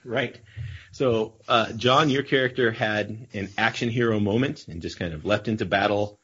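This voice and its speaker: A man's voice: lowish voice, moderate pace, a bit bright, slightly rough. A man hosting and narrating a tabletop game as game master, playful and teasing with vivid narration. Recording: dull lo-fi audio.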